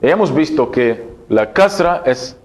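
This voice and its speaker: A man's voice: fairly high pitch, expressive, measured pace. A man teaching Arabic letters in a recorded lesson. He explains step by step, asks and answers his own questions, and says each syllable again and again for the learner to copy.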